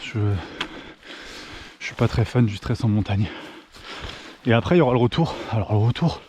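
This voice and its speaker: A man's voice: medium pitch, lively intonation, moderate pace, mellow, breathy edge. A man from France filming himself on a mountain hike, chatting casually and thinking aloud with restarts. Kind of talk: casual vlog narration. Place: mountain trail outdoors. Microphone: handheld camera.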